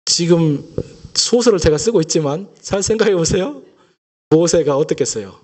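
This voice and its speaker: A male pastor delivers a Sunday sermon in a fairly high voice. He tells a story with lively rhetorical questions aimed at his congregation. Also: normal speed.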